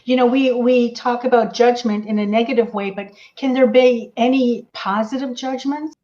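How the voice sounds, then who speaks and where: Higher-voiced woman interviewer, slightly dull audio. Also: steady tone, normal speed, dark tone. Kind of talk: casual reflective conversation.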